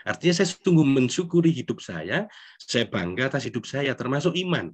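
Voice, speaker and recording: Relaxed middle-aged Indonesian priest. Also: male voice, medium pitch, normal speed, breathy edge. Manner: conversational, self-deprecating, tag questions. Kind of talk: recollection talk. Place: church hall.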